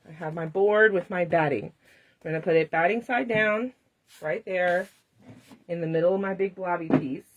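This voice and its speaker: A woman's voice: lowish voice, normal speed, lo-fi sound. A woman hosting a live craft demonstration, chatting to viewers and laughing often as she works. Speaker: craft tutorial host.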